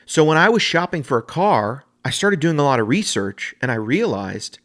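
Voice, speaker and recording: A man's voice: on the high side, big pitch swings, normal speed, fairly bright tone. A man hosting a casual solo podcast, talking in a chatty, rambling way with frequent restarts. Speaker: podcast host.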